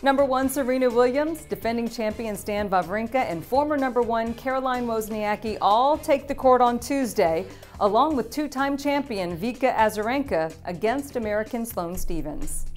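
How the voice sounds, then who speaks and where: A woman narrates a sports news roundup in a polished, upbeat scripted read. Her voice sits at a middle pitch and she drops in the odd light quip. Soft music runs quietly behind her. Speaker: news presenter.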